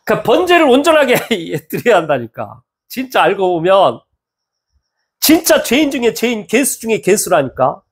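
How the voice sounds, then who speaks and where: A male pastor preaching a sermon in a church, animated and acting out the voices of people he quotes. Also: high voice, normal speed, slightly rough. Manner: animated, acts out quoted speech with lively swings in tone.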